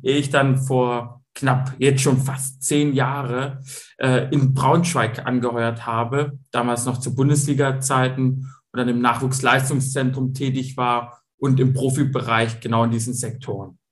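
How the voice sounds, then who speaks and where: A middle-aged man with a Swabian accent, answering as a guest in a podcast interview and explaining his coaching work in a lively way. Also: mid-range voice, measured pace. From Swabia, Germany. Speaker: guest, youth football coach and company owner.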